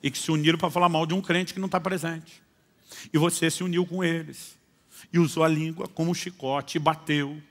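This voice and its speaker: A male pastor preaching a sermon, telling stories and acting out dialogues, moving between hushed and loud delivery. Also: on the high side, fairly even intonation, a little fast. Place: church conference hall. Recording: long hall reverb.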